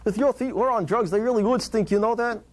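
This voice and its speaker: Man voicing a high squeaky cheeky boy ventriloquist dummy. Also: fast, close to an everyday voice. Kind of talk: puppet show comedy patter.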